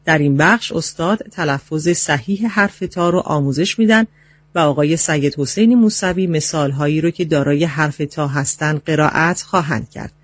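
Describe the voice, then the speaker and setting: A male announcer reading a scripted, formal introduction in a smooth announcing manner. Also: a little high, no room sound. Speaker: radio announcer. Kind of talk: scripted narration.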